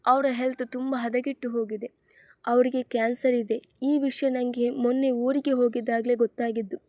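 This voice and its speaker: A woman's voice: on the high side, little pitch movement, moderate pace, darkish tone, dry recording, lightly acted. A woman voicing a struggling young saleswoman, anxious and tearful. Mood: distressed. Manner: distressed, tearful.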